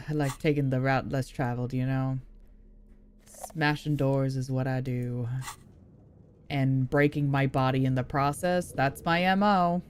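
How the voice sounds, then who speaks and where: Playful woman streamer, slow talk. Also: deep voice, darkish tone, slight background noise. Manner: playful, self-mocking, laughs and swears. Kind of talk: casual gameplay commentary.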